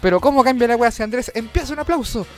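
A man with a Chilean accent, a comedian hosting a casual show, telling stories in an animated, slangy and profane way. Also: very high voice, quick pace, faint music behind. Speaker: comedian host.

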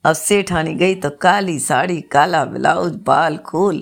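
Low-voiced woman telling a folk tale. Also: measured pace, vocal fry. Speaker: storyteller. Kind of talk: religious folk tale storytelling.

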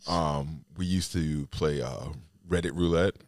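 A man's voice: rumbling low, unhurried, dry recording. A man hosting a podcast, chatting casually and rambling with lots of "like" fillers. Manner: rambling, heavy use of "like" fillers. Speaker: podcast host.

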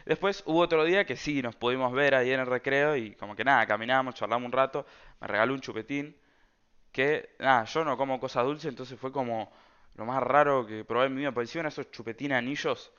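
A man's voice: mid-range voice, fairly quick, fairly bright tone, smooth, highs cut off. Rambling Argentine man telling a story. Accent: Argentine Rioplatense Spanish. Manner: rambling, slangy, full of fillers. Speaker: storyteller vlogger. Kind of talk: casual storytime monologue.

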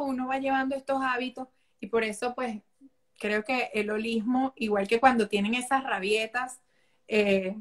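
A holistic therapist appears as a guest in a casual interview, sharing family anecdotes in a fairly high voice. Her manner is easy, warm, lively, and personal, and she acts out quotes from her relatives as she tells the stories.

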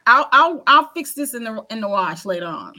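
A woman's voice: on the high side, big pitch swings, normal speed, sharp tone. A woman, chatting playfully as co-host of a morning show and calling on viewers to comment. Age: 50s. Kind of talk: casual chat.

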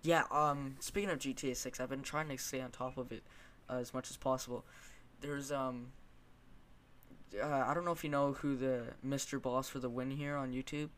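A male podcast host talks casually in long, rambling stretches packed with fillers, asking his guest questions. His medium-pitched voice is fairly bright and even in intonation at a moderate pace, with a slight hiss or hum in the recording.

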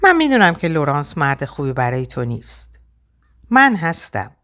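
A woman's voice: sits low, big pitch swings, fairly bright tone. A woman reading the part of an earnest young man in love, speaking insistently and persuasively. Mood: urging.

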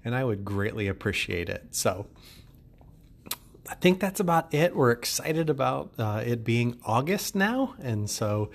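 A man's voice: medium pitch, very animated, a little slow, vocal fry. A male podcast host speaking in an upbeat, chatty solo monologue and joking with his listeners.

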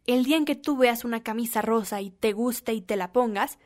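A young woman with a Mexican accent talks straight to her viewers in a casual, playful way. Her voice sits a little high, and she drops slang as she cheers them on. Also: fairly quick, darkish tone. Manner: chatty, playful and encouraging, slangy. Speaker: vlogger. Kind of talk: casual self-help talk to camera.

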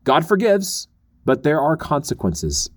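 A man's voice: a little high, wildly swooping pitch, unhurried. A man teaching scripture on a podcast, explaining earnestly and acting out quoted voices. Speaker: Bible teacher.

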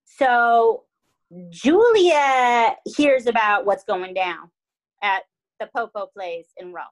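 A woman's voice: fairly high pitch, slow pace, low-quality recording. Chatty woman telling a dramatic story. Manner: animated, dramatic, heavy use of "like" and "right?". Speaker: podcast host telling a true crime story. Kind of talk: casual storytelling chat.

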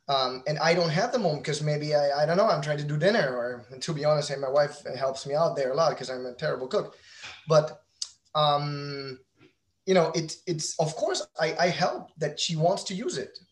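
This man in his thirties, from outside the United States, speaks a little high with lively intonation at a moderate pace. He's a company founder and father appearing as an interview guest, talking casually, candidly and ramblingly while often correcting himself mid-sentence.

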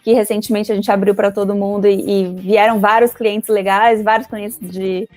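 A woman speaking as a financial advisor guest in a casual interview, talking quickly and chattily with many fillers. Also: mid-range voice, flat delivery, darkish tone, no echo, soft background music. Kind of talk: casual interview explaining investments.

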